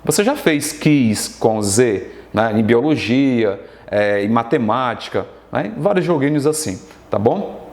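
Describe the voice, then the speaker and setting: A male teacher with a Brazilian Portuguese accent walks viewers through spelling rules on a televised lesson. His voice sits at a middle pitch and carries a noticeable room echo. He keeps tossing quick check-ins at the class as he explains. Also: animated, darkish tone. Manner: explanatory, asks frequent check-ins to students. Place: studio classroom.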